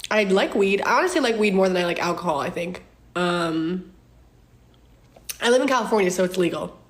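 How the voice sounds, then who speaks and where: A woman's voice: on the low side, animated, fairly quick. A woman in her twenties casually answering viewer questions to her phone, chatty and candid, with frequent ums and laughs. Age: 20s. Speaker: social media creator answering fan questions. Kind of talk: casual Q&A chat.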